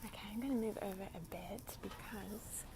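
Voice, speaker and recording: A young woman softly whispering through an ASMR walkthrough of a store, naming the items one by one on a handheld phone. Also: medium pitch, steady tone, normal speed. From United States. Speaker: ASMR creator. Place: inside a large retail store. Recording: loud background noise in a busy store. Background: store noise, people opening boxes.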